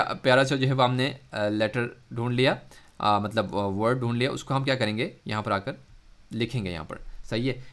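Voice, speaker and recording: A man with an Urdu accent, a Quran recitation teacher giving a lesson, who explains slowly and then draws out the sounds he demonstrates. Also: medium pitch, fairly bright tone. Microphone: close mic.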